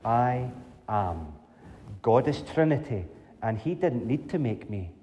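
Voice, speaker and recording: A middle-aged man preaches a sermon at a measured, deliberate pace. He presses his points with rhetorical questions. His mid-range voice carries from a distance through a large church with a long reverb. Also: mid-range voice, very animated, warm tone. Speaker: pastor. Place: large church hall with pews and congregation. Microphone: far camera at back of church.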